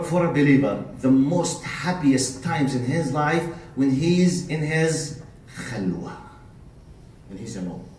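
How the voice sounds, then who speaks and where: Male Islamic preacher, Jordanian Arabic accent, native Arabic speaker, slightly high pitch, emphatic lecturing, rhetorical questions, roomy echo. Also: darkish tone, slight background noise. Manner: emphatic, rhetorical questions and short checking tags. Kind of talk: religious lecture to a live audience. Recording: echoey, picked up from a distance.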